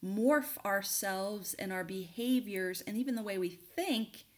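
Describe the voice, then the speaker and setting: A woman's voice: mid-range voice, unhurried. A middle-aged woman hosting a podcast, candidly telling a personal story and giving advice in a conversational way with plenty of fillers. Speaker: podcast host and coach.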